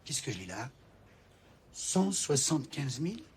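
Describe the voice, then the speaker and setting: A man's voice: mid-range voice, big pitch swings, unhurried, a little mellow, slight background noise. An actor playing a strict male boss scolding an employee. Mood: angry. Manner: scolding, interrogating.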